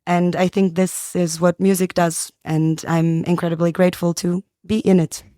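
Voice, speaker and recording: Woman guest in an interview, earnest, thoughtful, words chosen slowly, dry sound. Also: fairly low pitch, level tone, dark tone, no echo. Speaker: guest musician. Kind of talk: interview answer.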